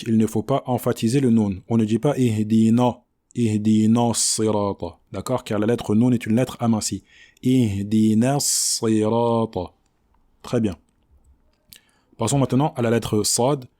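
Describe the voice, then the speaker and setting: A man giving a tajwid lesson, patiently explaining pronunciation, checking in with "d'accord?" and slowly modeling each word in a drawn-out recitation. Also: medium pitch, warm tone. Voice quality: chants the verse in a slow drawn-out recitation. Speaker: Quran recitation teacher.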